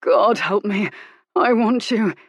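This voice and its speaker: A woman reading the lines of a desperate young man, hoarse and urgent. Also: mid-range voice, lively intonation, slow pace, no echo, studio quality. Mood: strained, urgent.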